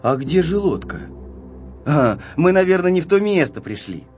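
A man's voice: fairly high pitch, very animated, normal speed, a little mellow, soft background music. A man voicing a cocky, boastful little boy shorty who talks confidently and bossily, on a slightly dull recording. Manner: confident, bossy.

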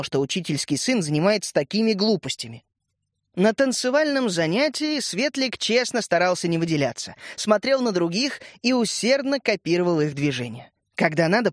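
A man reads a children's story aloud in a measured, expressive way. His voice sits fairly high, and the recording is dry and close with no room sound. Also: dry recording. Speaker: narrator. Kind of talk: scripted storybook narration.

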